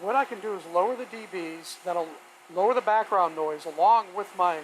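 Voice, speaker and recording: A mid-range voice at a moderate pace belongs to a hobby woodworker live-streaming from his home workshop, chatting loosely and thinking aloud in a folksy manner while working. The recording is rough, with a running shop vacuum humming steadily behind him.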